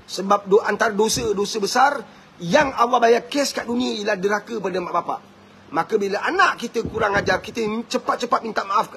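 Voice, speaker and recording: Impassioned high-voiced Malaysian male preacher. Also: fairly quick. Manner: impassioned preaching, acts out prayers, rises to shouts. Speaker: family motivational speaker. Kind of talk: religious motivational talk.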